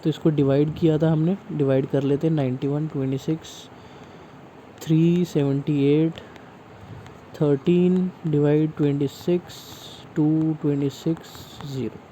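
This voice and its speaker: A man's voice: on the high side, fairly even intonation, unhurried, mellow, highs cut off, a little hiss or hum. A man teaching a math lesson, explaining step by step and checking in often with the class.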